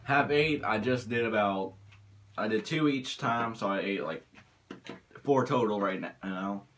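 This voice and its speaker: A man's voice: fairly low pitch, a little slow, a bit bright, a little hiss or hum. A man in a casual vlog challenge, talking with his mouth full of sour candy. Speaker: challenge eater.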